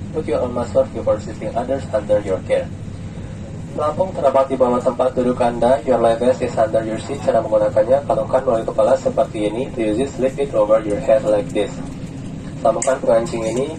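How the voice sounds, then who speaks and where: Fast Indonesian man on distant cabin PA. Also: medium pitch. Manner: formal, recited delivery. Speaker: flight attendant making cabin announcements. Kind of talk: scripted safety announcement. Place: inside an airliner cabin. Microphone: cabin PA recorded from passenger seat. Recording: distant cabin PA, loud aircraft noise. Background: steady aircraft cabin noise.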